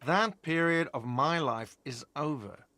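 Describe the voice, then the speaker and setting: A man's voice: fairly high pitch, measured pace, pushed and bright, no echo. An actor playing a defensive, irritable male hostel manager who snaps back sarcastically in a game. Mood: sarcastic. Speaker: game character.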